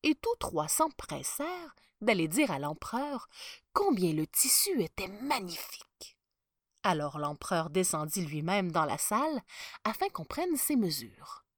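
Slow, lively woman reading a storybook. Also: fairly low pitch, dry recording, clean studio sound. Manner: hushed, dramatic pauses.

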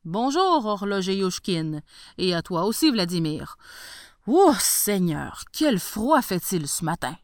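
A jovial prince who booms and laughs easily, as a woman telling the story acts him out. His voice swings up and down with good cheer. It is recorded close and dry. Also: very animated, slow, no room sound. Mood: hearty. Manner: booming, laughing. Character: hearty, jovial male prince.

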